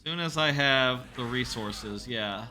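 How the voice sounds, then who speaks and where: A man's voice: medium pitch, slow pace. A man giving casual game commentary as a gaming video host, musing tentatively with wry asides into a close mic. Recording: game music under the voice.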